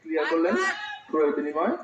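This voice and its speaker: A man giving live, excitable football commentary that can burst into shouts. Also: a little high, rapid-fire. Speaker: football commentator at a local tournament. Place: outdoor football ground. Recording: dull, echoey PA-like sound, crowd behind.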